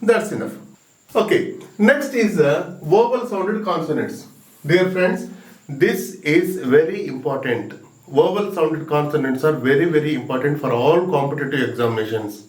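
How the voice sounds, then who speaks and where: A man's voice: on the high side, expressive, darkish tone. Male teacher, exam-prep grammar lesson, emphatic and repetitive, roomy echo, distant mic. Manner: slow and emphatic, repeats key words and spells out sounds.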